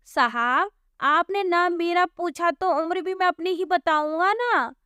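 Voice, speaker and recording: A woman's voice: very high voice, unhurried, bright, forceful tone, dry recording, clean studio sound, pitched above the performer's own voice, heavily acted. A woman voicing a flustered, simple middle-aged village man who earnestly pleads with a policeman in a storybook tale. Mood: pleading. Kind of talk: storybook voice acting.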